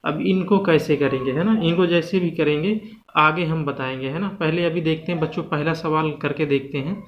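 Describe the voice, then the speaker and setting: A man teaches a maths lesson to children. He asks them questions, answers them himself, and slows down to stretch out the numbers. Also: on the high side. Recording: dull, lo-fi home recording with faint background hiss.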